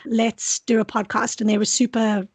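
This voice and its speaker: A South African PhD student with a South African accent is an interview guest, speaking candidly and thoughtfully and often restarting her sentences. Her voice is on the high side and slightly rough, with little pitch movement and a moderate pace. There's no echo.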